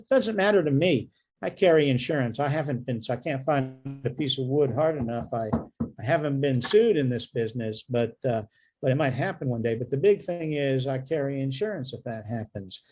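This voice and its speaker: A male radiologist gives a medical lecture in a joking, conversational style, checking in often with "okay?". His voice sits in the mid-range, with a darkish, husky tone.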